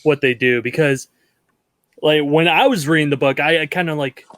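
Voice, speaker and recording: A man's voice: fairly high pitch, moderate pace, fairly bright tone, dry recording. A man hosting a casual movie review podcast, chatty and giggly with lots of fillers. He leads the talk and asks the others for their picks. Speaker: podcast host.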